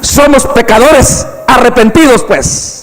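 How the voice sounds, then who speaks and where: A man's voice: extremely high pitch, takes it slowly, slight background noise. A man preaching an evangelistic sermon as pastor, emphatic and full of rhetorical questions to the congregation. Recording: long hall reverb.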